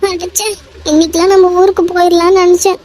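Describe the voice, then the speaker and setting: A squeaky, very high young woman in a homemade cartoon, voiced by a woman. She pleads anxiously, words tumbling out in worry. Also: flat delivery, quick pace, a little mellow, a little hiss or hum. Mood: worried. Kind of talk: amateur cartoon voice acting.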